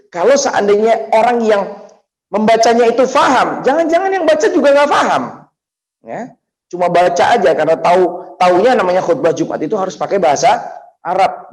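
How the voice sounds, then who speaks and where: A man giving a casual, anecdote-filled religious lesson as the teacher, with sudden excited rises in his voice. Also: on the high side, poor audio. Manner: chatty, anecdotal, rising excitedly at points. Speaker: Islamic teacher.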